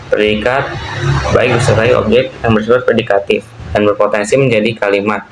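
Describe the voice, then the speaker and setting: A young man with a lowish voice walks through a class presentation in a loose, explanatory way, dropping filler words and restarting phrases. The recording has a roomy echo and a faint hiss behind it. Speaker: university student presenting. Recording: echoey room with faint hiss.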